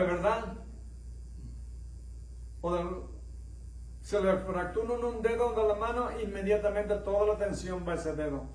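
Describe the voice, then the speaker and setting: A high-voiced middle-aged Mexican man preaches in a church sanctuary, recorded from a distance in an echoey room with a little hiss or hum. He speaks with a slightly mixed Mexican accent. The pastor keeps the sermon conversational, storytelling, questioning the congregation, and raising his voice to act out dialogue.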